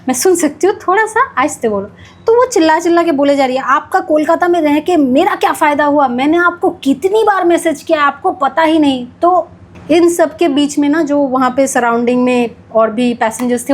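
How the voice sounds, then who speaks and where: A young woman telling a personal story in a casual monologue, animated and self-deprecating, slipping English phrases into her talk. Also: sits high. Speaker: devotional vlogger.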